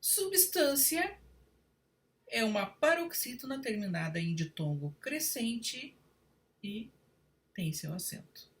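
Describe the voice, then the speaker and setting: A woman giving a read-aloud grammar lesson, spelling out spelling rules one word at a time in a deliberate way. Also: fairly high pitch, sing-song, distant mic. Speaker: Portuguese writing teacher.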